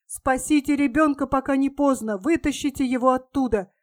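A woman's voice: high voice, normal speed, no echo, clean studio sound, lightly acted. A woman reading as an indignant woman in a crowd. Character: outspoken woman in a crowd holding a baby.

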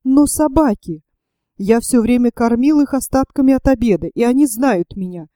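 A woman doing a bold young escapee, hushed and hurried. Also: a little high, no echo, studio quality, close to an everyday voice. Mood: hushed urgent. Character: bold young man leading a night escape.

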